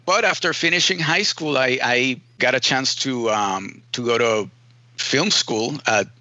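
A man speaks in a casual, rambling interview style, leaning on "you know" and "man" as he tells his story. His voice is bright and forceful. The recording is dry and a little dull, lacking sparkle. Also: medium pitch, a little slow, dry recording. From Puerto Rico. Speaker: film editor, guest.

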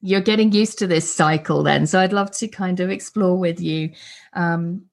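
A woman's voice: on the low side, moderate pace, creaky. A woman hosting an interview podcast, chatty and friendly, often restarting her sentences. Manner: warm, chatty, with many restarts. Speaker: podcast host. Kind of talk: casual interview chat.

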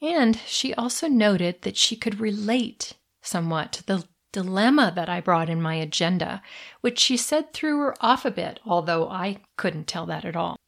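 A middle-aged woman hosting a solo coaching podcast, speaking warmly and deliberately and slowing down to stress words. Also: mid-range voice, animated. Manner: warm, deliberate, slows down for emphasis.

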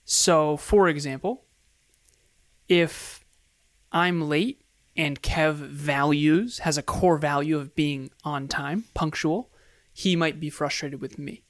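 A man speaks as a podcast co-host in the manner of a life coach. His voice sits a little high and sounds close and dry. He lays out self-improvement principles in emphatic, motivational points. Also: takes it slowly, dry recording.

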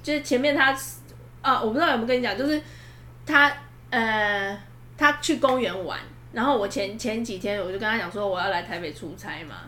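A woman's voice: mid-range voice, brisk, bright, forceful tone, slight background noise. A woman chatting casually as a podcast co-host, telling stories in a rambling way and restarting her sentences often. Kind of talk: casual chat, storytelling. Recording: roomy room echo.

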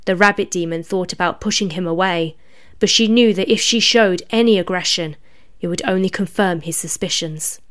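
A woman narrating a dark fantasy story in a steady, even reading voice. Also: lowish voice, normal speed, clear, resonant tone.

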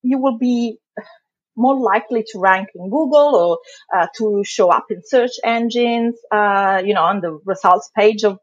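A woman's voice: medium pitch, a little slow, no echo, dull audio. Woman with a thick Italian accent. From Italy. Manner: chatty, laughs often, many fillers. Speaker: guest, blogging legal expert. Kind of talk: casual interview.

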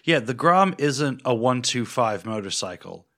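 Slow, bright-voiced wry male co-host. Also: medium pitch, very animated. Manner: dry, wry, builds repetitive jokes. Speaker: podcast co-host. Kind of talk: casual chat.

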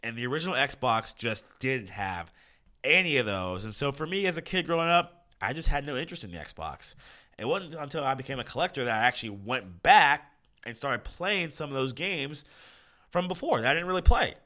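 A man's voice: medium pitch, big pitch swings, a little fast, bright, forceful tone. A young-adult American man hosting a solo gaming podcast, casual, profane and opinionated, with a froggy, congested voice from being sick. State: sick with a cold. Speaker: podcast host. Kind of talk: casual solo podcast commentary on video games.

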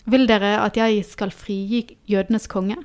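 A man voicing an anxious, imperious Roman governor in a dramatic scripture reading, with a raised, sharp, questioning manner. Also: high voice, flat delivery, clean tone, voice pushed up. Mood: tense.

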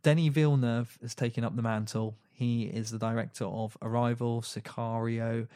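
A man's voice: medium pitch, flat delivery, normal speed, dark tone, smooth, dry recording, clean studio sound. A man hosting a casual film podcast, chatty, with frequent fillers and restarts. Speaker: podcast host.

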